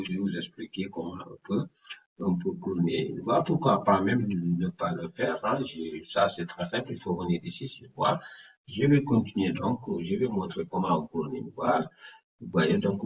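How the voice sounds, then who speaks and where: A man explaining software in a casual tutorial, hesitant and often restarting his sentences. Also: low voice, a little hiss or hum. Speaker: tutorial host. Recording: roomy, distant, dull sound.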